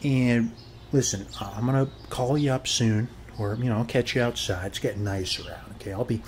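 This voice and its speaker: A man with a mid-range, slightly mellow voice plays a friendly, chatty suburban neighbor in a casual ASMR roleplay, speaking at normal speed and only lightly acting. He rambles in a folksy, reassuring way, tagging phrases with short check-ins and repeating "okay?" often. There's a little hiss or hum in the recording.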